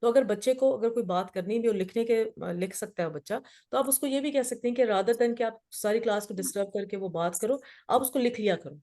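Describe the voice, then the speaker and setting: Woman, middle-aged, mellow dark tone, host, parenting discussion, code-switching storyteller. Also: mid-range voice, hardly any pauses. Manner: explains warmly with personal stories, mixing English phrases. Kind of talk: casual group discussion.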